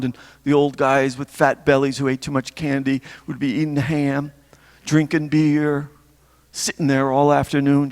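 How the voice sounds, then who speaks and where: Gravelly older deacon in a hall. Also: male voice, medium pitch. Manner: reflective storytelling, pausing between phrases. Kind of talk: spiritual talk. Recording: long hall reverb.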